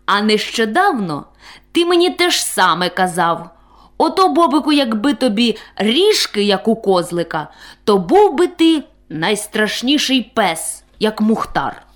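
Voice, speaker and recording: A woman voicing an eager, boastful male puppy who tracks footprints in a storybook tale, excited and commanding. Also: medium pitch, a little slow. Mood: sulky.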